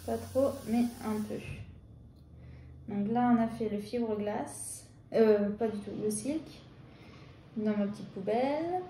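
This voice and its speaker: A woman with a French accent, a nail technician reading English exam steps haltingly and chatting casually as she works. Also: medium pitch, dark tone, slight background noise. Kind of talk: casual tutorial while working. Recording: echoey room with faint ambience.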